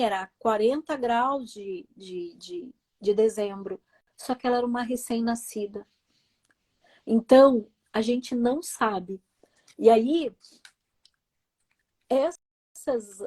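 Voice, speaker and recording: A woman's voice: fairly high pitch, warm tone, poor audio. A woman hosting a live stream, telling a personal story with emotion. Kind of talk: casual chat.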